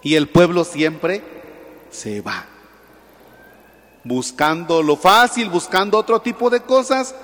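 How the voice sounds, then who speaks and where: Slow-speaking priest in a reverberant church. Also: male voice, high voice, expressive. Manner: slow, swings from loud emphasis to soft near-whispers; acts out little dialogues with a confessing parishioner.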